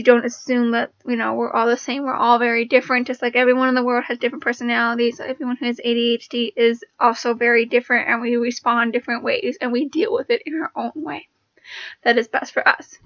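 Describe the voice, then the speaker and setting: A young woman speaks to her viewers in a casual, rambling way, circling back and restarting her sentences. Her voice sits fairly high but stays flat and level. The recording is dry and a little muffled. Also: fairly quick, dry recording. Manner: rambling, with many restarts and fillers. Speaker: vlogger. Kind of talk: casual personal talk to camera.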